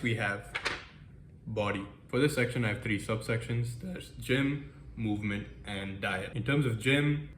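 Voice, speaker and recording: Young man, American-raised, casual vlog, upbeat, lowish voice, echoey room. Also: a bit bright. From United States. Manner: upbeat, self-deprecating, lists goals briskly. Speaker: vlogger. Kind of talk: casual goal-setting vlog. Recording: echoey room with faint background noise.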